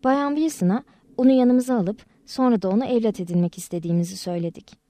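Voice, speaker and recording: A woman reading the lines of a kind, gentle adult man in an audiobook, with a soft, reassuring way of talking. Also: on the high side, fast talker, dry recording, close to an everyday voice.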